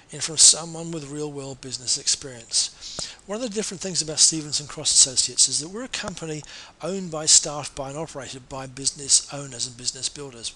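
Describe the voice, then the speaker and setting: A man, a marketing consultant, giving an earnest, persuasive sales pitch and now and then correcting himself mid-sentence. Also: sharp tone, slight background noise, poor audio.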